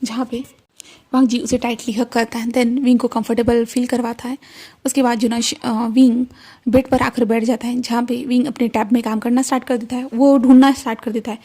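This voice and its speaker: A woman's voice: a little high, little pitch movement, a little fast, warm tone. A woman casually retelling a fan fiction story, conversational and full of fillers.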